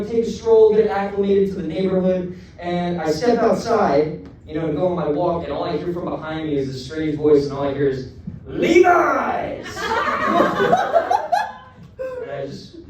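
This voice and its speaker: Young male stand-up comic, high voice. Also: a little hiss or hum. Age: young adult. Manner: animated, swearing, self-mocking. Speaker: comedian and show host. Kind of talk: stand-up storytelling. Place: performance hall with a live audience. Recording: echoey room from far off, crowd.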